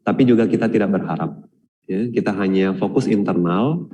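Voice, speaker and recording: A low-voiced monk gives a calm dharma talk, his tone mellow and dark. He retells a story with many pauses and fillers. The sound carries a long reverb from a large hall. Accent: Indonesian. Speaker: Buddhist monk answering questions.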